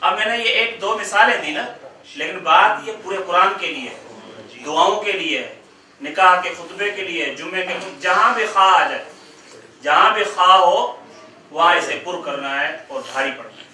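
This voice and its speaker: A man teaching Quranic pronunciation to a class, slowly drawing out and repeating each letter sound. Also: high-pitched, pushed and bright, a little hiss or hum. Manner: slow, drawn-out demonstration of letter sounds. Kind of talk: classroom tajweed lesson. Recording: echoey room, mic far off.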